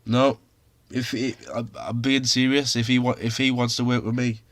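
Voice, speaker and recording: Geordie wrestler in casual chat, earnest and rambling, mid voice, dry close sound. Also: male voice, medium pitch, flat delivery, moderate pace, dry recording. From Newcastle upon Tyne, England. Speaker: semi-pro wrestler guest.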